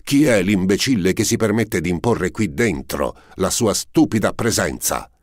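Guy doing a proud angry prince in an audiobook, super low voice, haughty and scheming, dry close sound. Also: normal speed, no echo. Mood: furious. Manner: haughty, scheming inner voice that bursts into shouting. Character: proud, vindictive male prince, quick to rage. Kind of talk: audiobook character reading.

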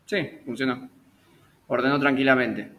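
A man's voice: medium pitch, steady tone, unhurried, creaky, pushed and bright. A man teaching a live online programming class, chatty and correcting himself with small jokes at his own slips.

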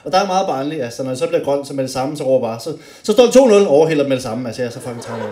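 A young man doing stand-up comedy on a club stage, animated and often shouting his punchlines. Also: mid-range voice. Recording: roomy club with faint noise.

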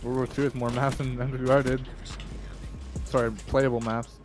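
A man's voice: medium pitch, flat delivery, normal speed, over music. A young man gamer in casual, slangy voice-chat banter.

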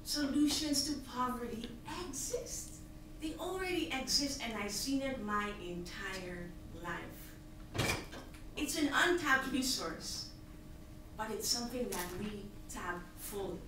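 A Tanzanian woman in her thirties, founder of a nonprofit, delivers a prepared pitch from a podium on stage in a large hall, speaking slowly, expressively, earnestly, and emphatically while gesturing at slides. Though she uses a podium mic, the audio comes from a far-off audience camera, so it sounds echoey and hissy.

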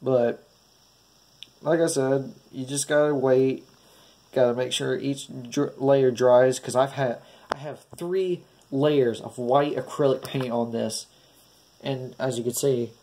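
A stuffy, nasal man narrates a casual craft tutorial, his mellow voice carrying a gravelly fry. He talks through each step in a hesitant, hopeful way. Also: medium pitch, fairly even intonation, takes it slowly, slight background noise. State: stuffy, congested. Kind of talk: casual DIY painting tutorial.

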